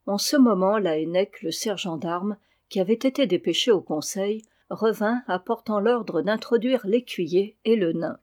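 A reader narrating a classic historical novel in a steady, measured audiobook style. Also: mid-range voice.

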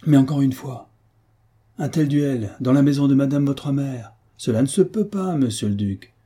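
Man reading as an anxious, insistent gentleman. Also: on the low side, lively intonation, fairly quick, breathy edge. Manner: pleading, insistent.

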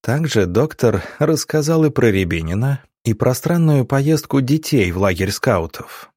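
A man narrating an audiobook in a steady storytelling manner. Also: medium pitch, a little slow, no echo, studio quality. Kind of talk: scripted narration.

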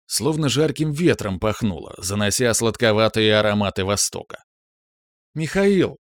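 A man reading an audiobook with steady, expressive narration. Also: on the low side, normal speed, dry recording, studio quality.

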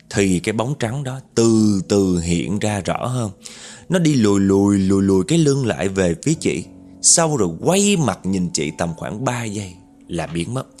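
Man, horror storyteller, lively lower voice, talks straight to listeners. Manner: chatty, addresses listeners directly.

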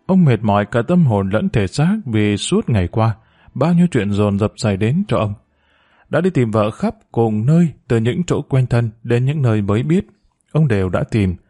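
A man narrating an audiobook story in a steady, measured way. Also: medium pitch, dry recording, clean studio sound.

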